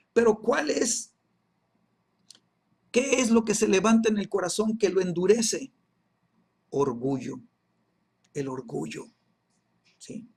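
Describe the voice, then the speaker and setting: Husky guy teaching bible class, keeps repeating stuff and asking "sí?". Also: fairly high pitch, darkish tone. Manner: peppers phrases with "¿sí?" and "¿verdad?", repeats himself for emphasis.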